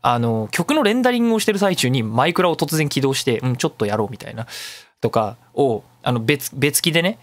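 With a mid-range voice that swings widely in pitch and moves a little quickly, a man hosts a relaxed solo radio segment. He digresses freely, explains things at length, and pokes fun at himself, all in a dry, echo-free recording.

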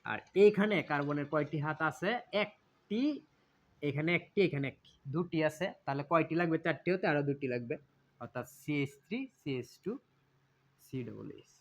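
A man's voice: fairly high pitch, normal speed. A man teaches a chemistry lesson, asking questions and answering them himself, repeating key terms. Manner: repetitive, asks and answers own questions. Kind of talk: classroom lecture.

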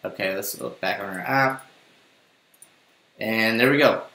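A young man records a casual coding screencast, muttering to himself as he types. His voice sits on the low side and moves a little slowly, with a sharp edge to it. The room sounds roomy, like a home setup, with a faint hiss.

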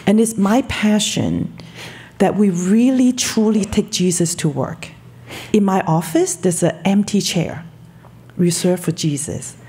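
A woman's voice: lowish voice, mellow, slightly rough. A woman in her fifties from Hong Kong, a guest in a podcast studio, talking earnestly and with enthusiasm into a studio mic. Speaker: guest, telecom marketing director. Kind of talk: interview conversation. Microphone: studio mic on boom arm.

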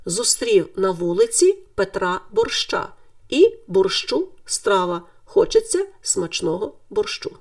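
Woman teacher with lively, gravelly delivery. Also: medium pitch, distant mic. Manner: clear, deliberate, stresses word endings. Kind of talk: scripted grammar lesson.

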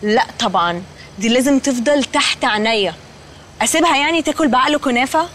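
An actress playing a spoiled, scheming young rich daughter in a TV comedy, disdainful, in posh Egyptian Arabic sprinkled with English. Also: female voice, high voice, animated, fast, fairly bright tone, slight background noise. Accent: Egyptian Arabic, affected upper-class with English phrases. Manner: disdainful, dramatic. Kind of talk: TV comedy acting.

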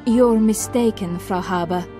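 A woman's voice: medium pitch, a little slow, warm tone, faint music behind, close to an everyday voice. A woman voicing a bold, determined female spy in an adventure game, with a poised, theatrical delivery. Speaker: game heroine.

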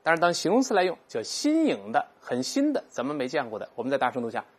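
A husky English teacher at medium pitch, whose voice swings hugely up and down, patiently explains vocabulary in a recorded lesson. Every English word is repeated slowly aloud for learners.

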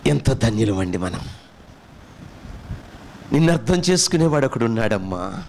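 A man preaching with a Telugu accent, questioning his congregation and swinging between loud and soft passages. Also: medium pitch, big pitch swings, moderate pace, a little hiss or hum. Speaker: pastor. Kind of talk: sermon.

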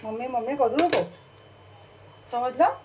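A woman's voice: a little high, measured pace, far from the mic. A woman cooking at home for her vlog, chatting to her pet bird and cat and scolding them in a coaxing, singsong way while she works. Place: home kitchen. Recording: loud background noise with pet cries.

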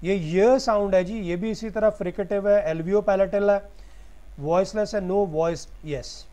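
A man's voice: high-pitched, steady tone, moderate pace, dark tone. A man giving a recorded lecture, explaining each point step by step and answering his own questions.

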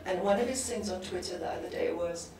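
A woman with a South African English accent speaking directly and briskly on a conference panel. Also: lowish voice. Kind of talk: panel discussion. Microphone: handheld mic. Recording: very echoey hall, distant, background noise.

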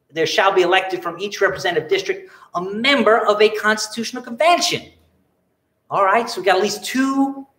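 High-voiced man, faint New York accent. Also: bright, forceful tone, roomy sound. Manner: chatty, digressive, self-mocking humor. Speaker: law lecturer. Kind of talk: explanatory lecture with wry asides.

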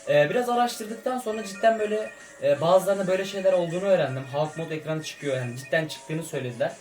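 A man giving casual commentary while playing a mobile game at home late at night, talking in a tired, low-energy, rambling way. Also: fast talker, a little mellow, recorded from a distance, soft background music.

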